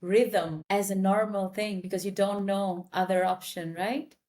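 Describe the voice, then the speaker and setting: A woman's voice: medium pitch, flat delivery, a little slow, a little mellow. A woman hosting a casual interview, prompting her guest and checking in with questions. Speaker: podcast host.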